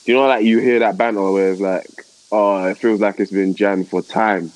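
A man's voice: fairly low pitch, normal speed, no echo, rough recording. A young man with a London roadman accent, chatting casually in slang as he tells stories among friends. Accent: London, urban roadman slang. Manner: slangy, animated storytelling. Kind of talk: casual group banter.

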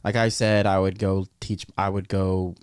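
A man's voice: low voice, little pitch movement, normal speed, darkish tone, clean tone, dry recording, studio quality. A man co-hosting a podcast, chatting casually in an easygoing, rambling way. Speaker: podcast co-host. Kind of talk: casual chat.

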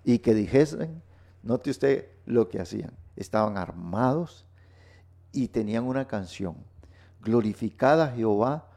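Male radio Bible teacher, mellow gravelly tone, emphatic and repetitive. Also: medium pitch, lively intonation, a little slow. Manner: emphatic, repeats words for stress. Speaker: radio program host. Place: radio studio.

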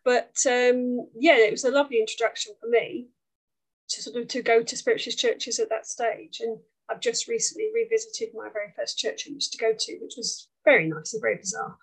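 A woman with an Essex accent speaks as an interview guest. Her voice sits a little high and stays fairly flat in melody. She tells personal stories in a conversational way. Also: a little fast, gravelly, rough recording. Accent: Essex English. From Essex, England. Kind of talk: conversational life story.

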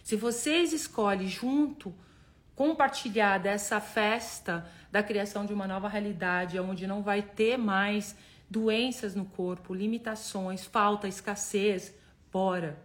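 A Brazilian woman in her thirties, a wellness coach talking casually and affectionately on a livestream, laughing often and breaking into loud cheers. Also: mid-range voice, unhurried. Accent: Brazilian Portuguese. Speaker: wellness coach live-streaming to followers. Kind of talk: casual motivational livestream talk.

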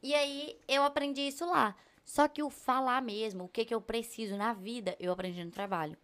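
A young woman, a podcast guest, chatting casually and telling animated stories, acting out the people she quotes. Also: fairly high pitch, fairly quick. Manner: animated storyteller, acts out quotes.

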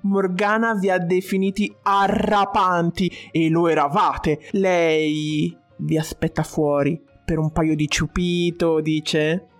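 A narrator voicing a boisterous male restaurant boss who plays a king, with loud, booming exclamations over faint music. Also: flat delivery, slow, few pauses. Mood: thrilled.

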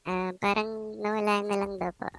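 A male caller speaking through a deep pitch-shifted voice changer, giving brief, polite, hesitant answers. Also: flat delivery, normal speed, vocal fry. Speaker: caller asking for advice. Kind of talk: call-in advice chat.

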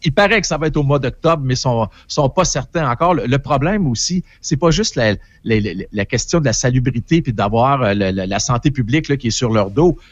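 A man's voice: medium pitch, expressive, a little fast, few pauses, no room sound, muffled recording. A man with a Québécois French accent, giving an opinionated, rambling entertainment column in casual radio chat.

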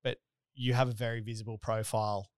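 A man's voice: fairly low pitch, flat delivery, a little fast, smooth, dry recording, studio quality. A man in his thirties with a broad Australian accent, hosting a casual interview in a rambling, colloquial, blokey way. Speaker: podcast host and business owner.

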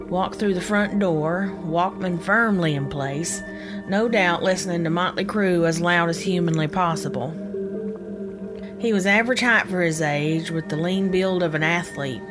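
Podcast storyteller: woman, middle-aged, lowish voice, folksy scripted narration, clear music underneath. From United States (Indiana, Kentucky). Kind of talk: scripted personal narration, ghost story memoir.

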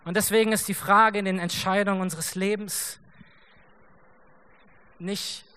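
Young man, sermon, high pitch, bright tone, lively storytelling, church stage. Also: measured pace, clean tone. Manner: animated storytelling with acted quotes and chuckles. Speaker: pastor.

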